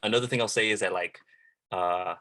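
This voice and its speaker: A man's voice: lowish voice, fairly quick, sharp tone. A man in casual podcast chat, talking loosely with lots of slang and fillers. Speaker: former church member, podcast guest.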